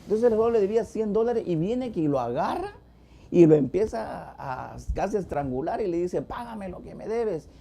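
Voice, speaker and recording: Husky dark-voiced man on church TV. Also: sits high, animated, moderate pace. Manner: earnest, emphatic retelling with acted quotes. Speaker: church TV co-host. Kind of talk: devotional talk retelling a parable.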